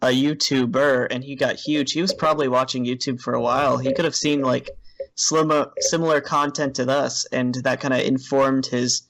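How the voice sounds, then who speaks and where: A young man joining a casual podcast chat, thinking out loud and asking questions. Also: medium pitch, flat delivery, normal speed, slight background noise. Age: young adult.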